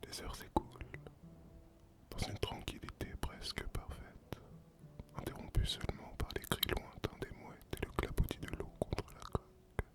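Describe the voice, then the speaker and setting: A performer voicing a solitary male sea captain and former pirate in a whispered role-play, breathy and unvoiced, telling the tale slowly and poetically to the listener. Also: lightly acted. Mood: wistful, serene. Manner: slow, poetic storytelling addressed to the listener.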